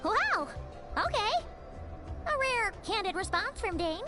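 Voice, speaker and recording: A woman's voice: very high-pitched, very animated, slow, heavily acted. A woman voicing a tiny, chatty fairy girl companion who talks about herself in the third person, in a video game. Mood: chirpy. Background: game music.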